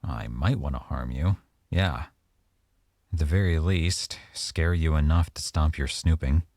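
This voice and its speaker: Playing a young mafia boyfriend in intimate ASMR, a man speaks in an extremely low, mellow voice, recorded close and dry with no echo. His heavily acted delivery is unhurried and teasing, coy but carrying veiled menace. Overall he sounds quietly threatening.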